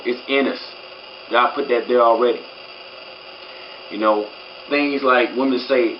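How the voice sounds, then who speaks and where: A man's voice: medium pitch, lo-fi sound, a little hiss or hum. A man who works as a barber, talking casually to the camera and preaching his point with emphatic repetition. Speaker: barber giving a personal message. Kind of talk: casual straight-to-camera talk.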